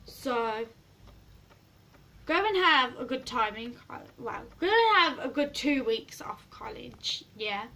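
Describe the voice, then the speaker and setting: Her voice on the high side and sing-song, a teenage vlogger rambles slowly through a casual selfie chat in her small bedroom. She's losing her voice, giggles a lot, and swings between loud and soft, recorded on a phone camera held at arm's length.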